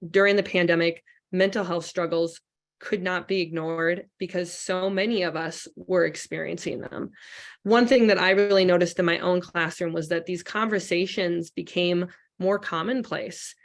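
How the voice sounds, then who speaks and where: A woman's voice: lowish voice, fairly even intonation, moderate pace. A woman teacher speaking earnestly and reflectively at a conference, with frequent restarts. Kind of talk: conference talk. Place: conference hall.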